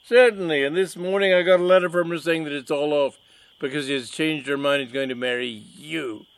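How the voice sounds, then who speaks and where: A man voicing a theatrical, vengeful male stage magician who talks in loud, indignant declarations. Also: a little high, fairly even intonation, brisk, no echo, pitched above the performer's own voice, close to an everyday voice.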